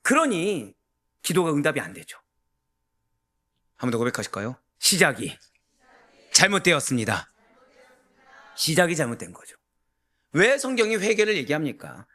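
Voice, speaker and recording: A man preaching a sermon as a pastor, emphatic and full of rhetorical questions to the congregation, rising to near-shouts. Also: on the high side, huge pitch swings, moderate pace, pauses often.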